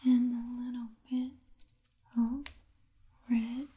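Gentle young princess played by a woman, Vietnamese accent, ASMR role-play; very slow, breathy, extremely soft and mellow delivery. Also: on the high side, flat delivery. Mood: gentle, attentive. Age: young adult. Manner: slow, soothing, attentive, halting short phrases.

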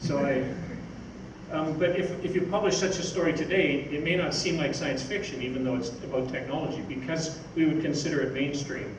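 An older magazine editor speaks a little fast in an informal live talk from notes, rambling slightly on an indoor theatre stage. His voice is higher than average. Because a distant camera records his stand-mounted stage mic, the audio is very echoey and roomy, with clear background noise.

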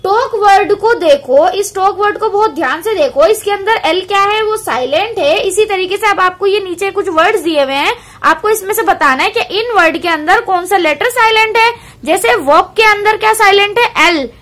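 High, bright-voiced woman teacher. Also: normal speed. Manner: patient, explains step by step with questions to the class. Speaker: primary school English teacher. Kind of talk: online class lesson in Hindi and English.

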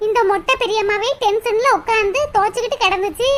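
A gossipy village woman from a cartoon, voiced by a woman, pitched high but dropping into a low, warning hush as she spreads tales about others. A noisy hiss runs under her voice. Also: fast. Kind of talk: cartoon voice acting.

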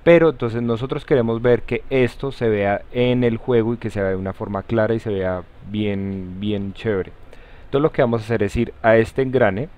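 A man with a Colombian accent hosting a step-by-step software tutorial in an informal way, using friendly diminutives. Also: fairly low pitch, moderate pace. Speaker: tutorial host. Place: voice-over for a screen recording. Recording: slightly dull, lo-fi sound.

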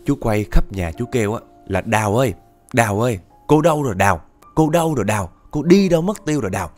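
A low-voiced man with a Southern Vietnamese accent tells a ghost story. His pitch swings widely, and he keeps talking straight to his listeners. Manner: animated, addresses listeners directly. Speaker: podcast storyteller.

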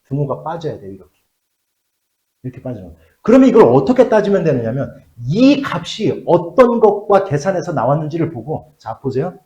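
Lively man teaching math in an echoey room. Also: fairly high pitch, a little fast. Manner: lively, asks checking questions, drops to mutters while writing. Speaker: math tutor. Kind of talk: classroom math lesson.

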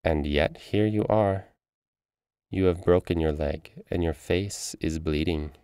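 A man reading the part of an aloof, ageless female witch, speaking slowly and tersely. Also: low-pitched, steady tone, dark tone, clean tone, no echo, studio quality. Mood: cold, curt.

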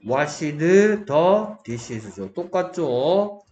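A man with a fairly high, sing-song, dark-toned voice lectures on English grammar at an extremely slow pace. He keeps stopping to check that students follow, asking questions and answering them himself, in an echoey room with faint background noise.

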